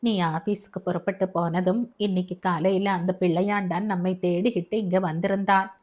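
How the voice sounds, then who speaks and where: A woman reading an audio novel, voicing a soft-hearted, hospitable older aunt with a gentle, pleading manner. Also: lowish voice, fairly even intonation, normal speed, natural voice.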